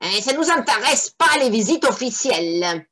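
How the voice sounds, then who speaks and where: Lady putting on a raspy grumpy devil from a storybook, voice swoops around a lot. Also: a little high, sing-song, normal speed, fairly bright tone, pitched above the performer's own voice. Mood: dismissive. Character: first devil, raspy unpleasant male demon.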